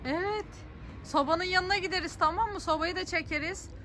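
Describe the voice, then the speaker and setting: A young mother talks in a high, bright voice, playful and coaxing, as she films her child at an outdoor playground. She is recorded on a handheld phone, and faint noise sits under her voice. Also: a little fast. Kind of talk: casual chat while filming. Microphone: handheld phone camera.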